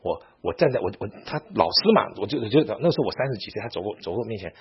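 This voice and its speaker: A man preaching, his voice deeply husky and raspy as he tells a story from the pulpit. His pitch swings widely and he acts out the people he quotes. The recording is muffled and lo-fi. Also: rapid-fire. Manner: animated, acts out quoted speech, frequent restarts. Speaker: church elder and preacher. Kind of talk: storytelling sermon.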